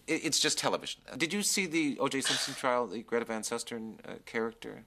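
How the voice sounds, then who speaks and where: Fast-talking vain male TV producer, bright and fussy. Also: medium pitch, expressive. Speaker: TV news producer. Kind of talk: scripted comedy series acting.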